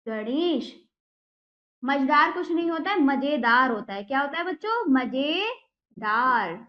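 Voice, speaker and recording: A woman's voice: sits high, lively intonation. Woman teacher quizzing kids patiently, echoey room, kinda dull lo-fi sound. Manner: patient, quizzes and repeats answers slowly. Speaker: primary school Hindi teacher. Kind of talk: classroom lesson explaining exercises.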